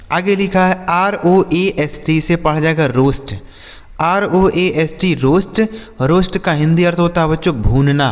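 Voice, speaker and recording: A man teaching English words to children, spelling each word out letter by letter and repeating every example slowly. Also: a little high, big-room sound. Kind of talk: vocabulary lesson for children.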